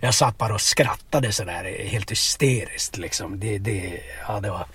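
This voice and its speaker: A man telling absurd stories in a deadpan, rambling way inside a car, tagging his lines with questions. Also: fairly low pitch, slightly rough. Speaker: comedic storyteller. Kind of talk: deadpan absurd comedy chat.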